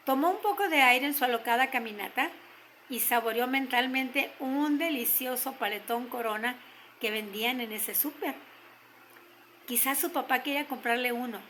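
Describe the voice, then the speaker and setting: An older woman with a Mexican accent telling a story gently, slowing down to stress key moments. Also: fairly high pitch, slight background noise, poor audio. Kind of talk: told story.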